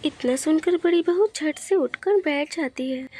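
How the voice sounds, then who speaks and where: High-voiced woman narrating a story. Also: unhurried. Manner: plain, steady storytelling. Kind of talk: scripted narration.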